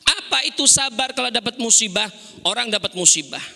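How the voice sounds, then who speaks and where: A man gives an animated sermon in a mosque and keeps turning to the women listening with questions. His voice is high and very bright, with a gravelly edge. The room leaves a long reverb on every word. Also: fairly quick. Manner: animated, conversational, asks the women in the audience questions. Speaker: preacher.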